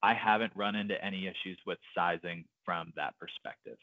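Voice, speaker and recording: Guy walking through software on a call, lots of ums, lowish voice, dull audio. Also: fairly even intonation, a little fast, no echo. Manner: casual, hesitant, many fillers. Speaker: software trainer. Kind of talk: live software tutorial.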